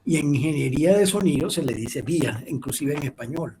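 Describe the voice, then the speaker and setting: Gravelly man lecturing online. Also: a little high, animated, a little fast, dark tone, slight background noise. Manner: rambling, many restarts and "¿ok?" checks.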